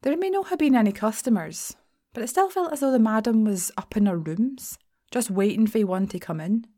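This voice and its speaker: A woman's voice: fairly high pitch, expressive, a little fast, dark tone. A woman with a broad Scottish accent performing a first-person audio drama monologue as a sardonic, sweary, anxious shop assistant, confiding her story wryly. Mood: wistful, wry.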